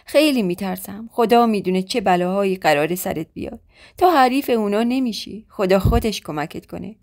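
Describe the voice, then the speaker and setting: A woman's voice: mid-range voice, animated, darkish tone, natural voice. A woman voicing a frightened, worried servant mother who talks in a tearful way. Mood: grieving.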